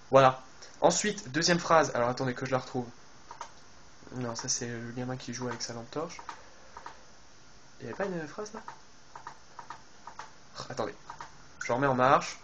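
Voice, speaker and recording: A man's voice: medium pitch, a bit bright, a little hiss or hum. A man casually commenting on a game trailer, addressing his viewers and thinking aloud with lots of fillers and restarts. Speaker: video game YouTuber.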